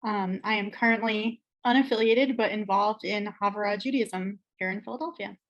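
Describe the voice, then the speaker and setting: A woman's voice: medium pitch, steady tone, normal speed, dull audio. Matter-of-fact woman from Boston. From Boston area, US. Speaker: panelist.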